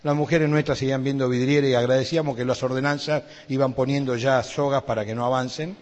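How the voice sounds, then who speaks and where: A man's voice: mid-range voice, steady tone, quick pace. A middle-aged man with an Argentine Rioplatense accent preaching a sermon, telling a story and acting out the dialogue with growing fervor. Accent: Argentine Rioplatense Spanish. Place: church hall. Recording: dull sound with long hall reverb.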